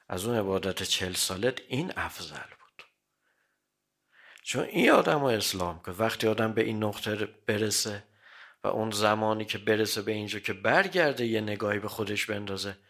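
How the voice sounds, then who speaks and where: A man giving a religious sermon, quoting Arabic sayings and explaining them in everyday Persian, often clearing his throat. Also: lowish voice, fairly bright tone. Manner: quotes Arabic hadith then explains in plain Persian. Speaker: cleric.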